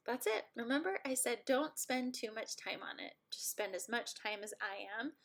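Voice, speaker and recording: A woman with a slightly high voice walks students through a software exercise on screen. She talks casually, teasing herself about the results. She keeps her students relaxed and encouraged as she goes. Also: gravelly. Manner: casual, self-deprecating, encouraging. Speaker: teacher. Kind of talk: screen-recorded software tutorial.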